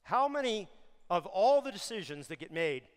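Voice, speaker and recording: Speaking for an industry association, this middle-aged keynote speaker fills a large stage with an energetic, emphatic delivery, leaning hard on key words as his pace rises and falls. His voice is high, clear and resonant, and a long reverb from the big hall trails his words.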